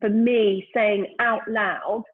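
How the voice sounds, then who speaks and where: A thoughtful woman in her fifties speaks in a mid-range voice over a tinny, phone-like call line. She talks reflectively and pauses to search for her words, often with "you know." She sounds like a guest in a relaxed conversation. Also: mid-range voice, breathy edge. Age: 50s. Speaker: guest, brand founder. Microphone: remote call during lockdown.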